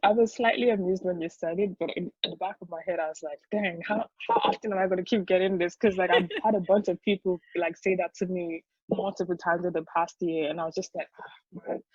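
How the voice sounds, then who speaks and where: A young Nigerian woman with a Yoruba accent, a podcast guest, tells a story in casual chat, animated and laughing often, with lots of fillers. Her voice is fairly low, fast and husky, recorded dry with lo-fi sound.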